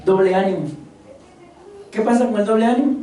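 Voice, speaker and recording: A woman delivers a sermon in a mellow, warm voice, throwing rhetorical questions at the congregation. She stands away from the mic, and the recording carries the long echo of a church hall. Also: mid-range voice. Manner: animated, addresses congregation as beloved brothers, quick rhetorical questions. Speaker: preacher. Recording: echoey hall, voice from far off.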